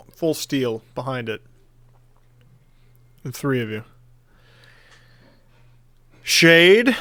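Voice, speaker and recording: A man's voice: on the high side, a bit bright, smooth, no room sound. A man narrating as game master of a tabletop game in casual chat, laughing often.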